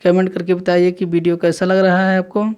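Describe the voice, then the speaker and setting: A man teaching a classroom lesson in a flat, level tone with little rise and fall. His voice is smooth and clear as he patiently counts numbers aloud one by one. He repeats each step methodically for beginners. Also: sits high, fairly quick.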